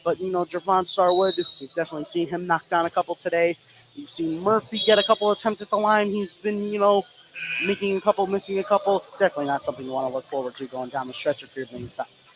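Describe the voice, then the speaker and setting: Delivering fast, live play-by-play of a basketball game like a sports radio announcer, this man keeps a high voice and a steady tone. Game sounds and gym ambience come through clearly behind him.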